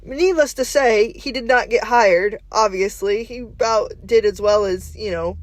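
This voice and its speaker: A host casually recounting a dream to the listener in a hazy, puzzled way, searching for details with pauses and hedges. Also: medium pitch, dry recording. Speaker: host of a dream journal series.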